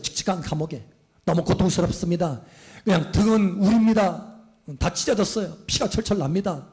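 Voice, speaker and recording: Male pastor, high-pitched, fervent sermon delivery with call-and-response questions. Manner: fervent preaching, shouts hallelujah, asks the congregation questions.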